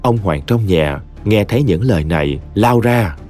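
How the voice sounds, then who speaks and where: A man narrating a short story in a dramatic, expressive audiobook reading. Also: lowish voice, moderate pace. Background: soft music.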